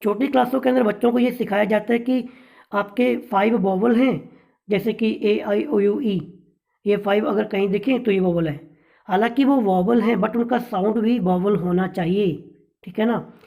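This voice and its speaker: Male teacher, exam-prep lesson, mellow voice, explains step by step, checks in often. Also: sits high, fairly even intonation, normal speed, vocal fry, poor audio. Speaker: English literature teacher.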